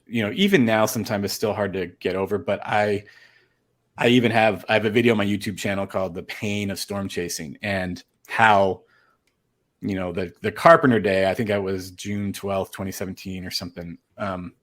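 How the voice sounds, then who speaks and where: A man talking casually as an interview guest, rambling earnestly with many fillers and restarts. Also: lowish voice. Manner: earnest, emotional storytelling. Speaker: storm chaser guest.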